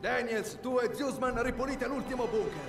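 A man's voice: very high voice, moderate pace, vocal fry. An actor playing a stern male army officer giving his squad curt orders in a war game. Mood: commanding. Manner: curt, commanding.

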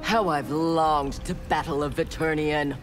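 An actress plays a menacing, armored female clan warrior in a fighting game, delivering intro banter in a cold, clipped way. Her voice is low-pitched and unhurried with fairly even intonation, and music plays behind the game audio.

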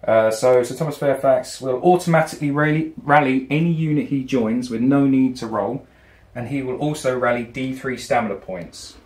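A man explaining his tabletop army and its rules in a steady, hesitant way at home. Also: medium pitch, normal speed. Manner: steady, reads out unit rules with hesitant ums. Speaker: opposing wargame player. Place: home room with a wargame table. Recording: roomy echo.

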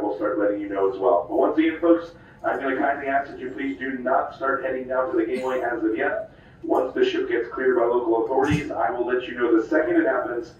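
A man giving a ship-wide announcement, talking fast and repeating himself to reassure passengers. He sounds far away through a cabin loudspeaker, with heavy echo and faint background hum. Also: medium pitch, dull audio. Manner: repetitive, reassuring announcer patter. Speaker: cruise director. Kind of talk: ship public address announcement. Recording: distant echoey ship loudspeaker.

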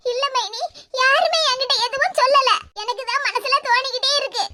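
A very high, squeaky cartoon voice of a tearful pregnant young wife with a Kanyakumari Tamil accent, as a woman acts her out. She sounds remorseful and plaintive. There is a noisy hiss under the dubbed audio. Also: a little fast. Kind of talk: animated cartoon comedy dialogue.

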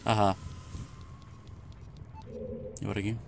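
A man's voice: on the low side, level tone, slow pace, gravelly, noisy background. A man with a Chilean accent giving casual let's play commentary, muttering short reactions to himself as he plays. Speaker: video game streamer. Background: game music.

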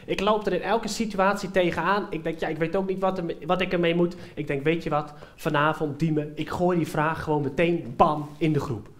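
High-voiced young male stand-up comedian. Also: brisk, few pauses. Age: young adult. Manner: animated storytelling, talks straight to the audience. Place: theater stage before a live audience.

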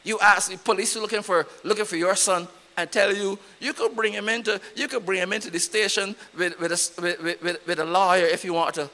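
Man, Barbadian accent, church sermon, very high voice, bright tone, emphatic, repetitive. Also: fairly even intonation, fairly quick, few pauses. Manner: emphatic preaching with repetition and rising volume. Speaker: pastor.

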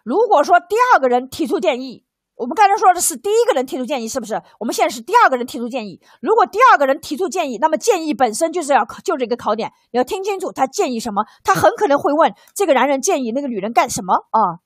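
High-voiced woman tutor, dry sound. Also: lively intonation, racing, no room sound. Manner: repeats key phrases and poses rhetorical questions. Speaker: English exam tutor. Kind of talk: explanatory teaching lecture. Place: small tutoring class with two students.

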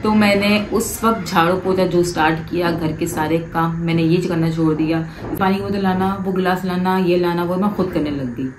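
Seated on a sofa in her living room, a woman vlogger offers direct, coaxing advice to her viewers, gesturing a lot with both hands in an animated way. Her voice is on the low side at a moderate pace with hardly any pauses, and the audio sounds roomy over a noisy background.

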